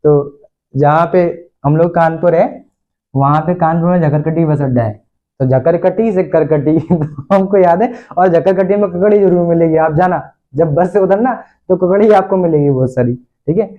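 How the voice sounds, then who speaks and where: A man's voice: fairly high pitch, moderate pace, muffled recording. A male teacher giving an online lesson in a playful way, repeating each question and answer and laughing often.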